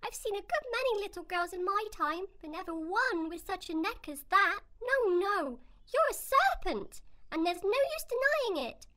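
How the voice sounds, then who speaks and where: A woman's voice: very high voice, big pitch swings, normal speed, few pauses, sharp tone, exaggerated voice. A woman voicing an indignant, suspicious pigeon, scolding and accusing in an audio drama.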